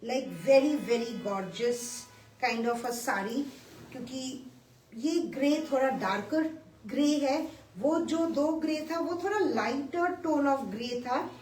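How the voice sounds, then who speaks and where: Slow, enthusiastic woman selling sarees. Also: high-pitched, a little mellow, distant mic, soft background music. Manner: enthusiastic, mixes English and Hindi, repeats key points. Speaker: saree seller on a live stream. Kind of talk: live sales presentation. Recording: echoey room, voice from off-mic, faint room noise.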